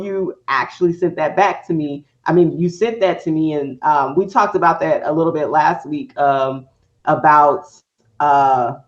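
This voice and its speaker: A woman hosting a casual chat, telling a story in a rambling way and acting out her own thoughts as quotes. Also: low voice. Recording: dull, lo-fi sound.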